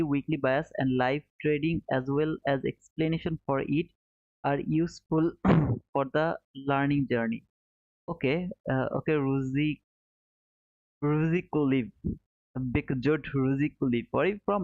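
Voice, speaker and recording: A Bangladeshi man in his 30s hosts a live trading stream, chatting casually and answering viewer comments like he's talking to pals, often repeating short phrases. His fairly high voice is steady and measured, carried over a narrow, phone-like line with roomy echo.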